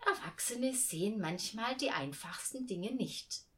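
A small, kindly angel man from a storybook, soft and friendly, as a woman puts him on. He talks slowly with a gently rising and falling voice. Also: medium pitch, expressive, natural voice. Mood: gentle.

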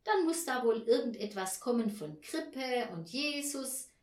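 A woman reading aloud, voicing a cheerful, knowing mother in a lively, bright way. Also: on the high side, a little slow, reverberant, pitched above the performer's own voice.

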